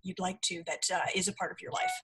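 A woman's voice: lowish voice, flat delivery, fast talker, fairly bright tone, slightly rough. A woman hosting an interview, friendly and a little hesitant, asking questions with frequent fillers. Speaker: interview host. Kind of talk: casual conversational interview.

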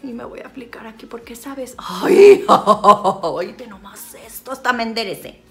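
A Sinaloan woman vlogger chats through a makeup tutorial in a playful, teasing way, poking fun at herself. Her voice sits a little high, bright and edgy, with a gravelly rasp running through it. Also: moderate pace. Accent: Mexican Spanish (Sinaloa). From Sinaloa, Mexico. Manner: playful, teasing, self-mocking, talks to an off-camera helper. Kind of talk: casual makeup tutorial chat.

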